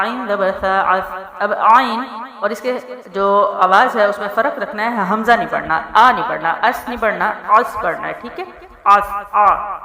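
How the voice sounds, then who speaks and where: A woman teaching tajweed rules, spelling out letters and vowel marks and drawing out the recited words slowly, often asking if her listeners follow. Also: mid-range voice, pushed and bright. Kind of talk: tajweed lesson. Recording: echoey room with long reverb.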